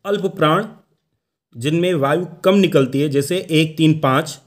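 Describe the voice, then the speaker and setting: A man teaching Hindi phonetics for an exam, explaining step by step, asking questions and answering them himself, and sounding out each letter slowly. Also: a little high.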